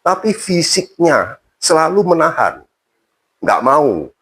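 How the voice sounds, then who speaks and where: A man's voice: on the high side, very animated, slow pace, a bit bright, slightly rough, pitched above the performer's own voice, heavily acted. A man voicing an older male cleric who speaks emphatically in a raised voice. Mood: explaining. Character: older male cleric, stern then kindly explaining.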